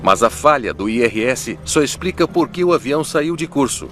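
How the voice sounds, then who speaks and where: Male narrator, Brazilian accent, dramatic scripted documentary voice-over, mid-range pitch, music bed. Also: animated, normal speed, a bit bright.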